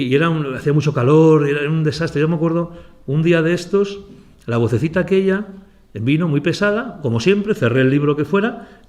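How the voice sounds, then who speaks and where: This writer from Aragon, Spain, speaks in a somewhat high, slightly mellow male voice. He gives students a conversational talk, addressing them directly and filling it with rhetorical questions.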